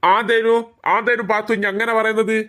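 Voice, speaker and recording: A woman's voice: a little high, level tone, fairly bright tone, lightly acted. A woman doing an exasperated cartoon husband. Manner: fast, scolding, exasperated. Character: exasperated middle-aged husband. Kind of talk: cartoon voice acting.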